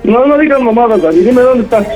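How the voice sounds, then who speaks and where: A man's voice: very high-pitched, animated, fast talker, darkish tone, soft background music, low-quality recording. A man with a Mexican accent, angry and insistent, swearing as he demands answers. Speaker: prank call victim.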